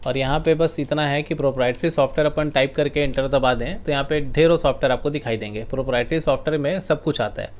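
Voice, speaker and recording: A man teaching a computer class online in Hindi mixed with English, explaining slowly and quizzing his students. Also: medium pitch.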